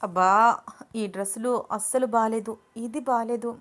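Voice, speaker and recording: A woman voicing an excited, stylish young woman who talks to herself while waiting on a man. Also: on the high side, moderate pace, natural voice. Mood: eager.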